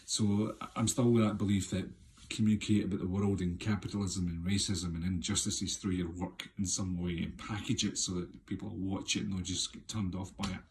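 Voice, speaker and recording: A man's voice: flat delivery, fairly quick, a little hiss or hum. A man in his fifties, a filmmaker and actor ranting on his podcast, passionate and swearing a lot, in a poor-quality recording made with the camera set too far away. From Scotland. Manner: impassioned, heavy swearing, rhetorical questions. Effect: low-quality sound from a camera set too far away. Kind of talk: raw unscripted monologue rant. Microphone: camera microphone, not close.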